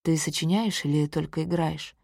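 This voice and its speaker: A woman reading the part of a calm, kindly man who speaks in a soft, steady way. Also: low voice, moderate pace, creaky, dry recording, studio quality, pitched below the performer's own voice. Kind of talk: audiobook character reading.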